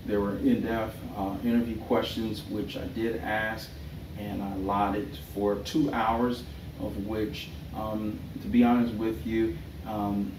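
A middle-aged man giving a thesis defense presentation in a hesitant, halting way, often rephrasing himself. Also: on the low side. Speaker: doctoral candidate and pastor. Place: small indoor meeting room. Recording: roomy, distant mic with background noise.

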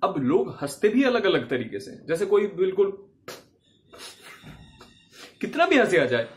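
A man's voice: high-pitched, sing-song, a little slow. Chatty man teaching acting. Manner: chatty, laughs often, acts out lines. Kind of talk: casual acting lesson.

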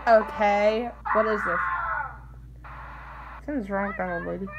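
A woman's voice: mid-range voice, steady tone, normal speed, lo-fi sound, loud music behind the voice. A woman giving casual, incredulous, exclamatory reaction commentary. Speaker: reactor in a try-not-to-laugh challenge. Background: video clips playing on a laptop.

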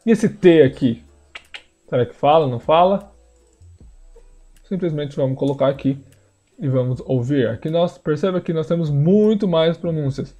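A man, teaching pronunciation in a screen-share lesson, repeating words slowly for learners. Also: a little high, lively intonation, dark tone, faint music behind. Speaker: language teacher.

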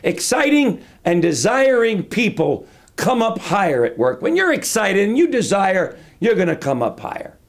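A man's voice: high voice, moderate pace. A man in his fifties giving an upbeat motivational talk to camera in a book-lined study. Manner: upbeat, animated, gesturing. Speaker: motivational coach. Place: indoor study with bookshelves.

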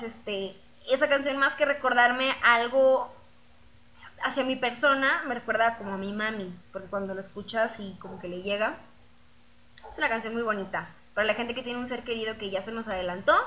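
A woman's voice: a little high, highs cut off. A young woman with a Mexican accent chatting casually over a webcam, telling jokes, singing and reading out fan messages in a slangy way. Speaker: singer chatting with fans. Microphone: webcam mic.

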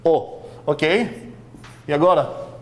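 A man's voice: a little high, extremely slow. A man lecturing a university class in a conversational way, questioning the students often, with many fillers.

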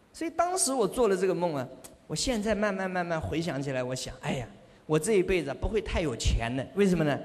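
A man giving a Buddhist sermon as a monk, telling lively stories with rhetorical questions and self-confession. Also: on the high side. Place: monastery hall. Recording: long hall reverb.

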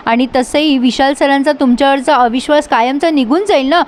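Woman reads earnest young heroine, high and gentle. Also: fairly quick, lightly acted.

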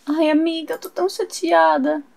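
A woman's voice: very high voice, level tone, normal speed, creaky, heavily acted. Woman doing a sad little girl. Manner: sad, soft-spoken. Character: sad girl friend, grieving a pet.

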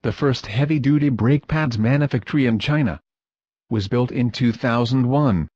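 Reading stiffly at an ordinary pace, a male corporate narrator voices a factory promo whose English text is awkward and non-native. His mid-range voice has a darkish tone, and the lo-fi recording is dull and dry with no room sound.

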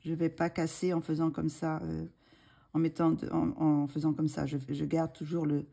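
A woman's voice: sits low, monotone, normal speed, creaky, dark tone, breathy edge. A woman hosting a coloring tutorial, talking casually and hesitantly with many fillers and restarts, murmuring asides as she works, with a slight frog in her throat. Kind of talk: casual tutorial talk while drawing.

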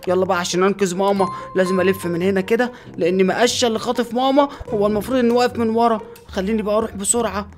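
A performer voicing an excitable boy in a superhero suit, speaking fast Egyptian Arabic with breathless, endless questions. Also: mid-range voice, faint music behind, lightly acted. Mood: giddy. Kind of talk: Roblox movie voice acting.

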